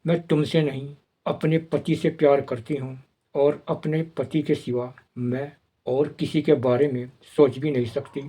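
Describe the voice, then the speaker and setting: A man's voice: mid-range voice, little pitch movement, a little slow, mellow, husky. A man reading the lines of a desperate young wife in a retold film story, in a slightly raised reading voice. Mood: angry.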